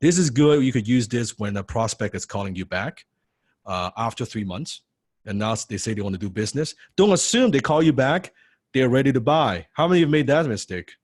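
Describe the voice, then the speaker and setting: A man teaching a sales training class, lively and full of rhetorical questions, acting out what prospects say. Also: mid-range voice, fairly quick, dry recording, clean studio sound. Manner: animated, acts out prospect replies, rhetorical questions. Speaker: sales coach.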